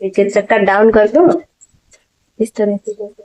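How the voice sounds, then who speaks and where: Middle-aged woman, home vlogger, casual how-to chat, talks directly to viewers at mid pitch. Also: level tone, unhurried, darkish tone. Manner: chatty, talks straight to viewers; speaks up over a running machine.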